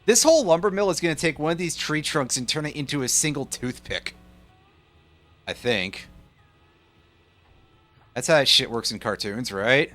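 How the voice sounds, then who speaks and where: A man's voice: on the high side, expressive, moderate pace, long pauses, a bit bright, soft background music. Sarcastic, swearing gaming commentator man. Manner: sarcastic, swears a lot, complaining. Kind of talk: let's play commentary.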